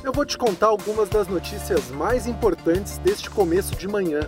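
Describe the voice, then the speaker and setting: A Brazilian man presenting a scripted news roundup in a clear, conversational newsreading manner. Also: high voice, animated, moderate pace, music in the background.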